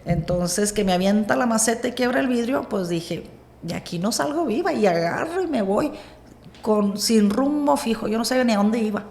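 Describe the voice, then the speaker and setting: Gravelly-voiced Mexican woman telling her story. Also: a little high, moderate pace. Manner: animated retelling, acts out quoted dialogue. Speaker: podcast guest. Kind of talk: personal storytelling.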